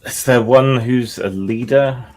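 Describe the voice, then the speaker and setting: A man playing a tabletop game, reacting with quick, exasperated questions. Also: mid-range voice, a little mellow. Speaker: player. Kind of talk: casual tabletop play.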